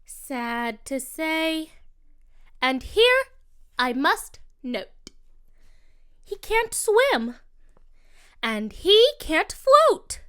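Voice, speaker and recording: A woman narrates a rhyming picture book for children, her voice very high and bright. She takes her time, lingering on each line in a sing-song rhythm with lively rises and falls. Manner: slow, expressive, sing-song rhyming delivery. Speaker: storybook narrator.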